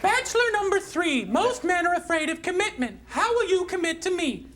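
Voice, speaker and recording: A man plays an overeager, flirty dating contestant in stage improv comedy. The voice is pitched very high and romantic, with a loud, noisy audience all around. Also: very animated, moderate pace, over a noisy crowd. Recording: loud studio audience noise and laughter.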